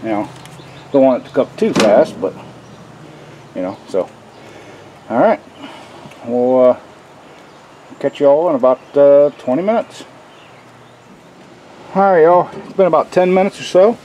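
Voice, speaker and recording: Fairly high-pitched and expressive, the man speaks at a measured pace with long pauses, the lo-fi audio full of background noise. He hosts a casual cooking video, chatting folksy to "y'all" from his home kitchen and later an outdoor grill, recorded on a handheld camera mic.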